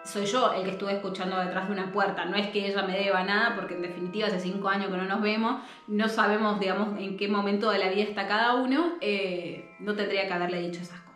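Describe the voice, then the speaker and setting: A woman's voice: medium pitch, steady tone, fast talker, hardly any pauses, a bit bright, pitched below the performer's own voice, lightly acted. A woman voicing a remorseful jealous young man. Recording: roomy echo, faint music.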